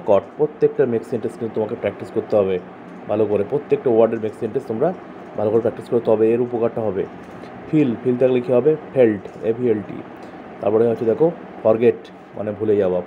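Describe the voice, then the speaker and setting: A male tutor giving an online coaching lesson, drilling verbs by asking and answering and spelling words out letter by letter. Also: on the low side. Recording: tinny phone-like sound, faint noise.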